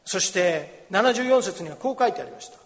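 A fairly high-pitched man preaching a sermon, a pastor who reads from the Bible and then explains it in a gentle, conversational way. His voice carries a long reverb, as if recorded in a large church sanctuary. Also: expressive, fairly quick.

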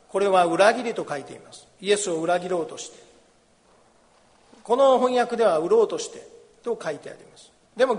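A man, a pastor, giving a sermon with Bible reading, explaining gently in a conversational way in a church. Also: sits high. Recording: long reverb of a large hall.

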